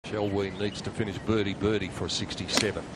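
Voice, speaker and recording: Low-voiced male golf commentator, outdoor ambience behind. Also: little pitch movement, fast talker. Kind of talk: live television golf commentary. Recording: clear outdoor course ambience noise.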